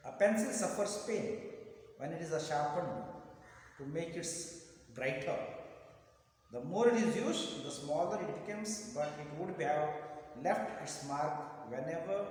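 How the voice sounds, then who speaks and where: A man's voice: on the high side, darkish tone, very echoey, big-room sound, a little hiss or hum, rough recording. A man teaching a poetry lesson, explaining and often repeating lines and asking "huh?".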